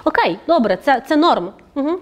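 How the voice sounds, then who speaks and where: A woman speaker giving a lively conversational lecture at a workshop, often checking in with her audience through tag questions. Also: high voice, moderate pace. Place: office event room.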